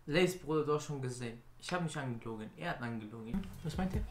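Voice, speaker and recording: A man's voice: medium pitch, animated, fast talker, reverberant, background noise. A man hosting a reaction video, chatting in a playful, teasing, slangy way. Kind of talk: joking casual chat.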